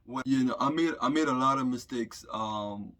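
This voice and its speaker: Bright-voiced young New storyteller. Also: male voice, mid-range voice, moderate pace. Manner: chatty slang-heavy storytelling, many "like" fillers. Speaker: vlogger. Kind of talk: casual storytime vlog.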